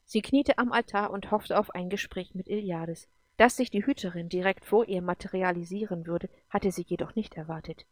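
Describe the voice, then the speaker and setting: A woman reading a science fiction story aloud in a steady, even storytelling manner. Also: lowish voice, moderate pace, few pauses, no echo. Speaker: narrator. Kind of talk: audiobook reading.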